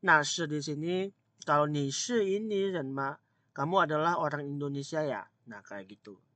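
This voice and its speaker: A man's voice: a little high, sharp tone, dry recording. A man teaching a Mandarin grammar class online, stretching out example sentences and chatting with his students, with an itchy throat. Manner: slow, drawn-out modelling of example sentences.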